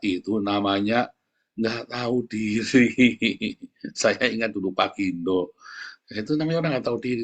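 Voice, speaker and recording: A male pastor, preaching bluntly and scolding his listeners directly. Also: on the low side. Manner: blunt, scolding, repeatedly addresses listeners as brothers. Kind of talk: blunt sermon to an online congregation.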